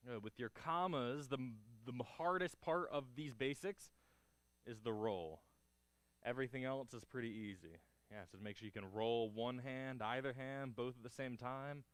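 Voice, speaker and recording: Low-voiced man teaching a karate class. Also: normal speed, a bit bright, clean tone, dry recording. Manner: short clipped cues and counts between encouraging feedback. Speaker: martial arts instructor. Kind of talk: hands-on karate class instruction, demonstrating moves aloud.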